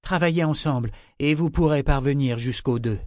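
Man voicing a firm practical woman, commanding, somewhat higher voice, dry sound. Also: moderate pace, a little mellow, dry recording, natural voice.

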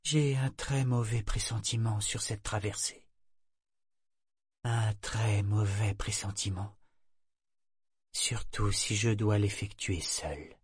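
A man voicing a young woman sailor disguised as a boy in a storybook reading; he keeps her quiet, steady and earnest. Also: on the low side, slow pace, long pauses, slightly rough, no room sound, studio quality. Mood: grave. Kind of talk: audiobook character reading.

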